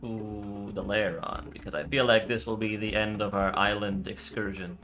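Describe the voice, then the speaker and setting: Bright-voiced man rambling in character. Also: fairly low pitch, moderate pace, soft background music. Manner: rambling, self-interrupting, excitable bursts. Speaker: player. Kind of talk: casual chat while playing a tabletop game.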